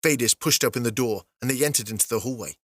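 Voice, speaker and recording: A man narrating a fantasy audiobook in a steady, even storytelling delivery. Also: mid-range voice, fast, no room sound.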